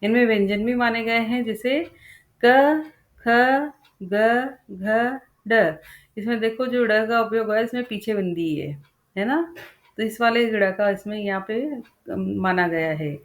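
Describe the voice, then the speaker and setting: A woman teacher giving a lesson, slowly spelling out example words one at a time and checking back with her students. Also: medium pitch. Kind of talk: slow spoken lesson.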